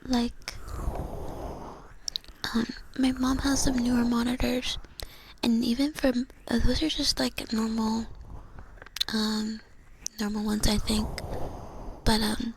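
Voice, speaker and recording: Young woman doing whispery asmr chat, kinda high, lots of hiss in the background. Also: little pitch movement, takes it slowly, pauses often. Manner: soft whispering, chatty, giggly. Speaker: ASMR streamer. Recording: noisy whispered mic recording.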